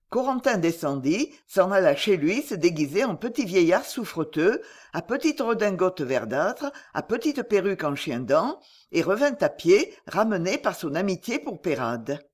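A woman narrating a classic novel as an audiobook, in expressive, steady storytelling. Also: lowish voice.

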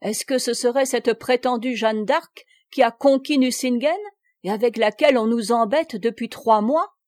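A woman's voice: fairly high pitch, moderate pace, a little mellow, no echo, studio quality, close to an everyday voice. A woman voicing a catty young female dancer gossiping about a rival.

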